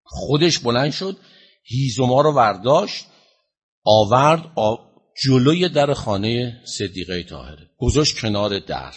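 A man preaching a sermon, telling a story slowly and with emphasis, and questioning the listeners directly. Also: sing-song, breathy edge. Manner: slow, emphatic retelling with rising pitch and loudness.

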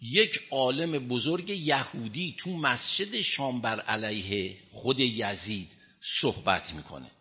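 Male preacher with a bright, forceful voice and emphatic, conversational storytelling. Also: medium pitch, expressive. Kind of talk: religious lecture with storytelling.

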